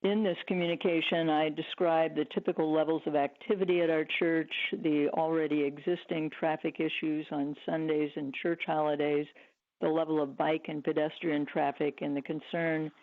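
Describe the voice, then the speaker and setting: A woman speaking over the phone as a public commenter at a board meeting, measured and reading prepared remarks. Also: sits low, level tone. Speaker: public commenter, church council chair. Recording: tinny phone line.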